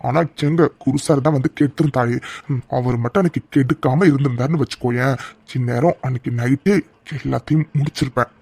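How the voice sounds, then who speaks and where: A man's voice: medium pitch, steady tone, fast, a little mellow, slightly rough, no echo. A man voicing a two-faced young man student in a cartoon serial, boastful and scheming, then falsely pleading. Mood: smug scheming.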